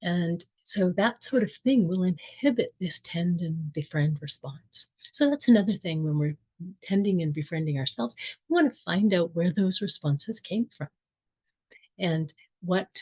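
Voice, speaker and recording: A middle-aged woman giving a reflective spiritual talk, gentle and thoughtful, with soft laughs and pauses. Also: fairly low pitch, slightly rough, dull audio. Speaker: spiritual teacher.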